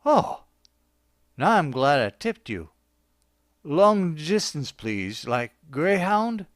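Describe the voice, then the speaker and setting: A man voicing a drunk, freshly fired office worker who slurs and rambles haltingly. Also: on the high side, very animated, no echo, studio quality. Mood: relieved. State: drunk, slurring.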